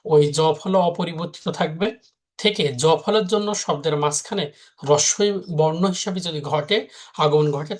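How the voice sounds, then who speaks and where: A man teaching a live grammar lesson, repeating each rule and answering his own questions. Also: a little high.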